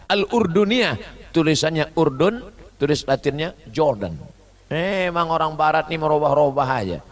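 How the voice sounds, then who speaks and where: A man giving a humorous sermon, swinging between loud high bursts and soft low asides as he mimics foreign phrases. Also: sing-song, normal speed. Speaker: preacher.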